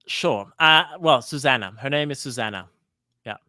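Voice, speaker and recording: A man's voice: mid-range voice, lively intonation, normal speed, sharp tone, no room sound, studio quality. A man in his thirties from Denmark, a guest on a live-streamed interview, talking hesitantly with many restarts. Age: 30s.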